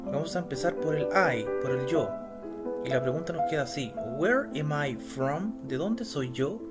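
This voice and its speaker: A man teaching English in a recorded slide lesson, explaining step by step and reading the English phrases slowly and carefully. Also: fairly high pitch, expressive. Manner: patient, explains step by step, checks in with "¿ya?" and "¿cierto?". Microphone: voice-over. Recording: loud background music.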